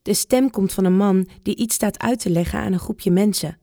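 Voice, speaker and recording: Woman, children's book read-aloud, clear even narration, dry close sound. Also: mid-range voice, normal speed, dry recording. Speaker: storyteller.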